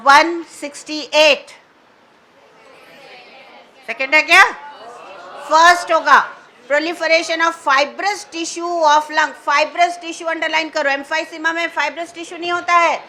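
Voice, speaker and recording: A woman teaching biology, going through exam answers in mixed Hindi and English and slowing down to dictate key terms. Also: high voice, bright, forceful tone. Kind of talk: exam answer walkthrough lesson.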